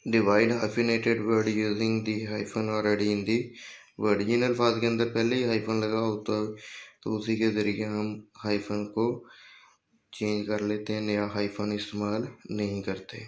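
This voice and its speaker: A man gives a grammar lecture in a low, even voice. He reads English examples very slowly and deliberately, then switches to quick explanations in Urdu-Hindi. His overall pace stays slow. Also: low-quality recording. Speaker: teacher. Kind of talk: exam-prep grammar lecture.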